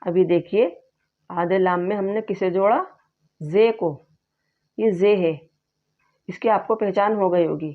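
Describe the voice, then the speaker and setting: A woman teaching Urdu reading, slowly sounding out and patiently repeating each syllable. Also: medium pitch. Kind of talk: slow spelled-out reading lesson. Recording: slightly dull lo-fi sound.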